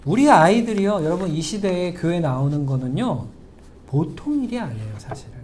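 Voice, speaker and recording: Korean male pastor preaching warmly. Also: fairly high pitch, very animated, fairly quick. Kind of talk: sermon. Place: church sanctuary.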